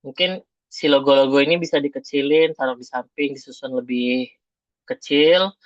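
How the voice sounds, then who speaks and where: A man's voice: medium pitch, fairly even intonation, moderate pace, no echo, muffled recording. A man giving design feedback to students over a choppy, breaking-up video call, hesitant with many fillers and restarts. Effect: choppy, breaking-up online call audio. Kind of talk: informal critique on a video call.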